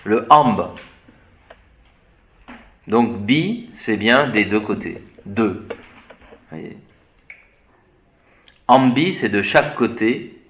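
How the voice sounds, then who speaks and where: A man giving an unscripted etymology lesson, spelling words out letter by letter and pausing to search for the right term. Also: on the low side, expressive, fairly bright tone. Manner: hesitant, searches for words with fillers. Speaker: etymology teacher.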